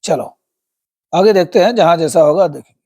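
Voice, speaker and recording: A man's voice: a little high, moderate pace, warm tone. A man teaching English through a story. He explains each word and meaning, repeats himself, and addresses viewers as friends. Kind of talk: Hindi-medium English lesson explaining a story.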